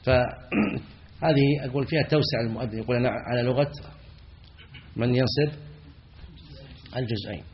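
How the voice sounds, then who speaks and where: A man teaching as a sheikh in a lecture. He asks his students questions and answers them himself, and he chants the example phrases slowly. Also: mid-range voice, lo-fi sound, a little hiss or hum. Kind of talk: classroom lecture on errors in the call to prayer.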